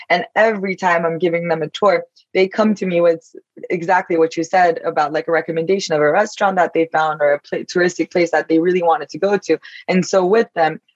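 A thoughtful woman from Turkey, whose first language is Turkish, hosts a casual podcast conversation in a low voice, searching for words as she goes. The audio is lo-fi with no room sound.

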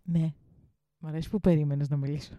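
Fiery, outspoken woman with a mellow voice. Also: deep voice, fairly even intonation, dry recording, studio quality. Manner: outspoken, fiery, swears freely. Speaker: podcast co-host. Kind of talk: casual podcast chat.

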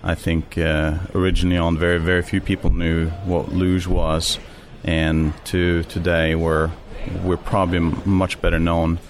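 A middle-aged man from Norway with a Norwegian accent, answering interview questions in a measured way with many fillers and restarts. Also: low voice, little pitch movement, a little hiss or hum. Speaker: interview guest, sports official.

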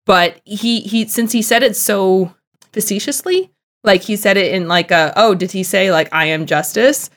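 A woman's voice: mid-range voice, normal speed. A woman co-hosting a casual podcast, thinking aloud in a thoughtful, analytical way with many fillers and restarts. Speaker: podcast co-host.

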